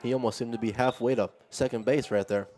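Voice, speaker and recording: A man giving live baseball play-by-play, narrating each pitch conversationally as it happens. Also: steady tone, fast talker, a little mellow. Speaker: play-by-play commentator.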